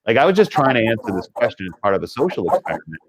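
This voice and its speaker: A Canadian man, a leadership speaker, telling a story in an animated, conversational way and acting out the quotes. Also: on the low side, racing, no echo, poor audio. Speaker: podcast guest, leadership speaker.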